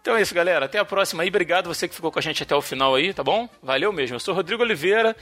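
Bright-voiced Brazilian podcast host. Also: male voice, high-pitched, very fast. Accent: Brazilian Portuguese. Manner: animated, acts out characters in anecdotes. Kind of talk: casual storytelling chat.

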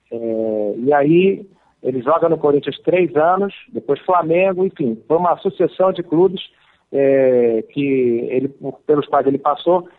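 A man, an author answering interview questions with hesitant fillers and restarts. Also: on the high side. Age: 50s. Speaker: author, guest. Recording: tinny phone line.

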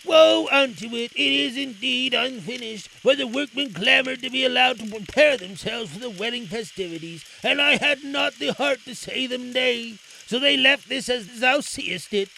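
Eager young hero, high and bright, flowery courtly pleading, read by a man. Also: normal speed, creaky, few pauses, slight background noise, exaggerated voice, poor audio. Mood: earnest. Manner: flowery, pleading formal speech.

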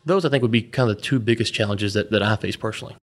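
A man's voice: on the low side, racing. Male podcast guest, casual storyteller, rambling with filler words. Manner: rambling, full of "you know" fillers.

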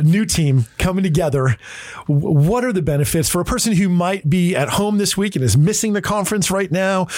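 A man's voice: high voice, darkish tone, no room sound. A man hosting a ministry podcast, explaining things in an upbeat, affirming way and asking his guest questions. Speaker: podcast host. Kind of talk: conversational interview.

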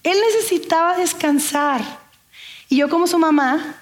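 Young lady pastor giving a sermon, chatty, keeps asking the crowd stuff, pretty high voice. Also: fairly even intonation, a little slow. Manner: conversational preaching, asks the audience questions.

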